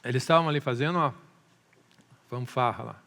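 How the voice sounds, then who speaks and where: A pastor preaching a sermon, telling a story with animation and often asking the congregation "amém?". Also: male voice, mid-range voice, fairly quick, vocal fry, pushed and bright. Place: church hall. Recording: long reverb of a church hall.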